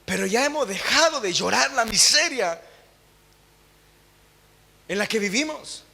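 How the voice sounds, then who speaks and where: A young man from Latin America preaching a sermon in church, swinging from emphatic peaks down to low, intimate asides. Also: animated, unhurried, vocal fry, bright, forceful tone. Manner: impassioned, rising to emphatic peaks then dropping low and intimate.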